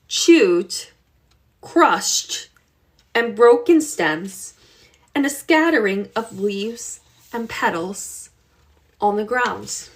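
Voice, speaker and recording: A woman reads a children's book aloud in a slow, careful way. Her voice sits fairly high and moves up and down a lot as she tells the story. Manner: expressive, unhurried storytelling. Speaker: reader.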